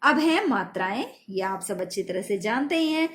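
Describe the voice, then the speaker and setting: A woman teaching a children's grammar lesson, slow and patient, spelling out letters and sounds one by one. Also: mid-range voice, animated, fairly bright tone.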